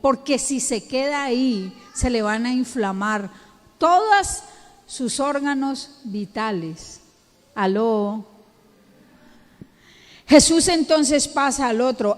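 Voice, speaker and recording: A woman pastor with a Colombian accent delivering an emphatic sermon, drawing out words and rising to peaks. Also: sits high. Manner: emphatic, slow, drawn-out preaching with rising peaks. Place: church hall. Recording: long church hall reverb.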